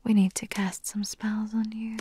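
A woman voicing a playful, teasing witch matchmaker in an ASMR roleplay, whispering softly and giggling. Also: mid-range voice, level tone, moderate pace, husky.

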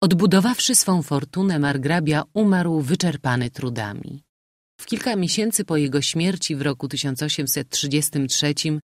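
A man reading a novel aloud as an audiobook narrator, in a measured, expressive manner. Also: on the high side, no echo, studio quality.

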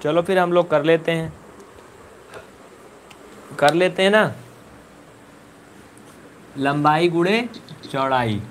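A man's voice: fairly high pitch, slow pace, pauses often, slight background noise. A man teaching a live online maths class, repeating questions and scolding his students. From India.

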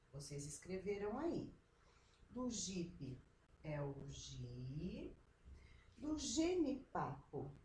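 A Brazilian woman schoolteacher going over exercises with young children in a slow, drawn-out, sing-song teaching voice. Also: medium pitch, darkish tone. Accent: Brazilian Portuguese. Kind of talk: remote class lesson for young children. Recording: echoey room with faint background noise.

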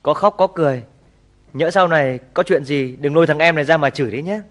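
An actor playing a smooth-talking village betting middleman who reassures his partner briskly, in an old film. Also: fairly high pitch, lightly acted. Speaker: betting broker.

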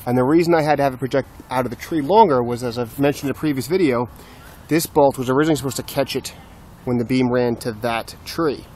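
A man's voice: mid-range voice, fast talker, a little mellow, slight background noise. A man casually explaining his building work step by step, with a self-deprecating streak. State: slightly out of breath. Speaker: DIY builder. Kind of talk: casual how-to narration.

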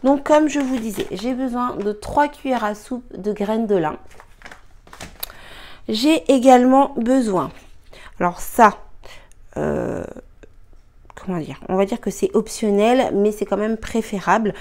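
Talking through a recipe in her home kitchen, a young cooking and beauty vlogger speaks a little slowly in a slightly high, slightly mellow voice, pausing often. She's casual and hesitant, full of fillers, apologizes often, and seems a little tired.

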